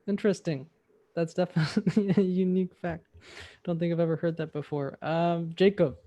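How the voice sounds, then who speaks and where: This is a man with a voice a little higher than most, hosting a relaxed meeting over a video call. He calls on people one by one and adds friendly teasing remarks. There's some faint clicking behind him. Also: moderate pace. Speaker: meeting host. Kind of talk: casual meeting introductions.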